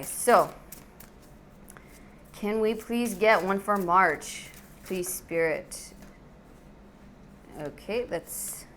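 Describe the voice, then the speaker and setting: A woman's voice: medium pitch, a bit bright, a little hiss or hum. A woman hosting a casual, chatty tarot reading to camera, speaking to her viewers in an effusive, affectionate way. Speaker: tarot reader, channel host.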